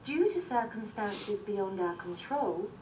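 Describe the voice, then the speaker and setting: A woman giving a formal, measured fire alarm announcement over a building's PA loudspeaker. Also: mid-range voice, sing-song, slight background noise. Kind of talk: formal public address announcement. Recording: distant PA speaker heard from across a hearing room.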